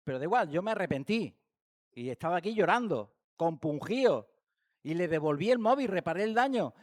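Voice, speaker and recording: Lively Spanish-accented man teaching at church. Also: sits high, brisk. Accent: Spain Spanish. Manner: animated, rhetorical questions, acts out everyday examples. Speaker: Bible study teacher. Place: church hall.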